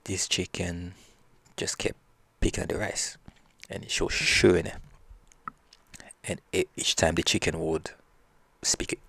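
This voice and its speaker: Deep, gravelly male storyteller. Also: dry recording. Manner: relaxed, with restarts. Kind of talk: casual folk-tale storytelling.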